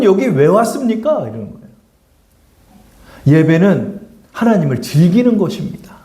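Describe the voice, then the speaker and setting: A man's voice: a little high, dark tone, roomy sound. A man preaching a conversational sermon as a pastor, asking his congregation rhetorical questions. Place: church sanctuary.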